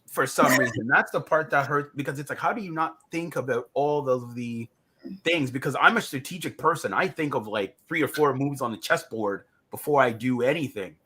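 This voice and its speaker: A man hosts a relationship talk show in a bright, forward voice with a husky edge. He talks things through in a reflective way and leans on hypothetical examples. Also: medium pitch, normal speed. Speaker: podcast host. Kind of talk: casual conversation.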